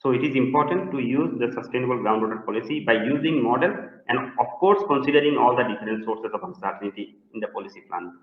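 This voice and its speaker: A male researcher from Bangladesh answers questions in a webinar Q&A over a video call, hesitant and full of fillers and restarts. His medium-pitched voice moves fast with few pauses, and the call audio is echoey, dull and lo-fi.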